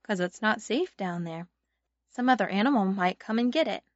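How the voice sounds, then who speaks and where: A woman's voice: medium pitch, lively intonation, moderate pace, no echo. A woman teaching a children's Bible lesson like a Sunday school teacher, speaking simply to young listeners and asking them easy questions. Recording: dull lo-fi sound, faint music.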